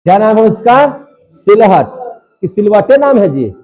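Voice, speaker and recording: Young male teacher, high voice, drills facts by question and repeated answer. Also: big pitch swings, measured pace, darkish tone. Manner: call-and-response drilling, repeating each answer. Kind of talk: classroom lecture.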